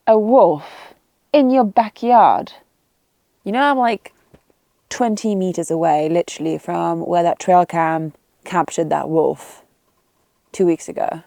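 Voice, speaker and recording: A woman in her thirties vlogging casually outdoors on her mountain land, enthusiastic and quick to laugh. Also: lowish voice, creaky, no echo. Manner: enthusiastic, easily excited, laughing. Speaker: travel vlogger. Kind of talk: casual vlog narration.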